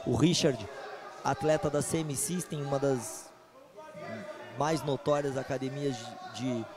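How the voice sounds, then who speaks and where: A man's voice: medium pitch, steady tone, measured pace, crowd noise. A man with a Brazilian accent doing informal, slangy live commentary on an MMA fight.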